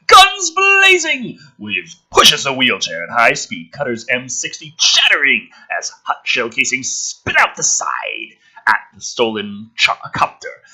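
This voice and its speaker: The host of a gaming and film channel gives a sarcastic, theatrical script reading laced with exasperated, foul-mouthed commentary. His medium-pitched voice is pushed, bright and slightly rough.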